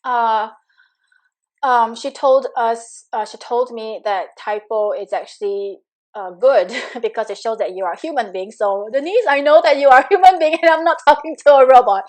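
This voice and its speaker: Running a live coaching webinar at a normal pace, a Singaporean-accented money coach speaks in a somewhat high voice. She keeps things chatty and encouraging, leaning on fillers, and reads viewers' comments aloud to greet them.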